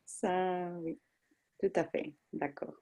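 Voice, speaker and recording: A woman's voice: on the low side, fairly even intonation, slow pace, gravelly, dark tone. A woman from Latin America speaking French as a foreign language with a Latin American accent, searching for her words as she talks in a group call. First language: not French, foreign speaker. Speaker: workshop participant. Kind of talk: hesitant spoken introduction and question.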